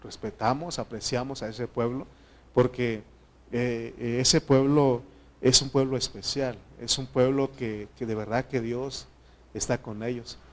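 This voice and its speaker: Preaching to his congregation, this pastor from Mexico speaks in a mid-range voice with a Mexican Spanish accent. His sermon is earnest yet conversational, full of filler pauses and phrases he starts over.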